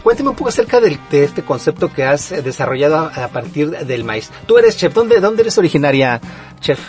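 A man hosting a broadcast interview show, speaking in a measured, formal presenter manner. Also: on the high side, big pitch swings, darkish tone, soft background music. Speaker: radio show host.

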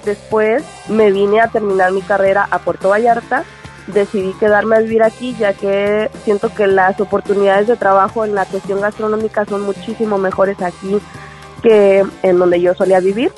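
A woman's voice: mid-range voice, flat delivery, moderate pace, darkish tone, soft background music. Chatty woman. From Tamaulipas, Mexico. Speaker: chef and restaurant owner.

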